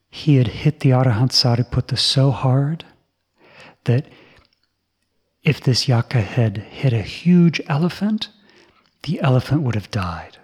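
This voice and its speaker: A man narrates a Buddhist tale for children in a soft, slow manner. His voice is husky and mid-pitched. He often lowers his words to a near whisper. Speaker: storyteller for children.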